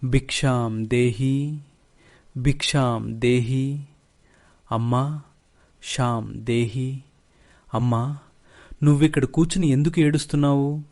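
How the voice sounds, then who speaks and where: Storybook sage: a kindly old holy man, slow and advising, read by a man. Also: medium pitch, a little mellow, natural voice.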